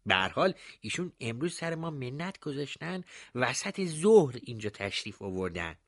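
A man's voice: mid-range voice, sing-song, dry recording, clean studio sound. A man voicing a nervous, deferential male village baker. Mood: flustered.

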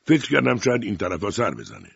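Audiobook: male reader doing a curt police commissioner, very low, husky. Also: wildly swooping pitch, fairly bright tone, no room sound, highs cut off, heavily acted. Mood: stern. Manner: curt, official. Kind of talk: audiobook character voice.

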